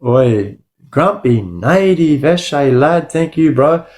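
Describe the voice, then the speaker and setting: A man's voice: a little high, expressive, slow, darkish tone. An Australian man chatting casually on a livestream in blunt street slang, rambling and repeating his phrases. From Sydney, Australia. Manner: slangy, blunt, often addressing listeners as bro or lad. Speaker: livestream host.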